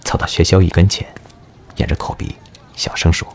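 A man narrating an audio drama in an expressive storytelling manner. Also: brisk, slight background noise.

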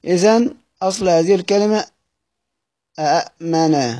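A man's voice: sits high, mellow. A man with an Egyptian accent teaching a lesson on Quranic readings, patiently repeating words and asking and answering his own questions. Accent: Egyptian Arabic. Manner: patient, repeats words slowly and spells out sounds. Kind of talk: explanatory lesson.

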